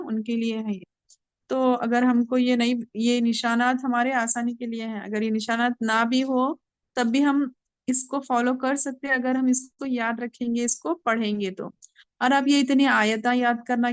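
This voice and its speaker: Woman teaching recitation, slightly high smooth voice, dry close sound. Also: dry recording. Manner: patient, repeats words slowly to demonstrate recitation. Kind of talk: explaining tajweed rules to students.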